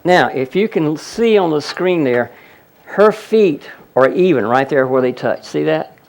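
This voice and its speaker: At a seminar on healing, a man with a fairly high, expressive, slightly mellow voice takes his time explaining a live demonstration to the audience. He keeps pointing things out, often saying "look at that."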